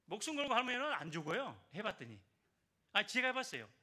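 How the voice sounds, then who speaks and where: Older male church elder, bright and forceful, preaching and urging his listeners. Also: sits high, huge pitch swings, a little fast. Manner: exhorting, repeats key phrases, asks the congregation for responses. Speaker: church elder giving testimony. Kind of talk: evangelism testimony in a church service.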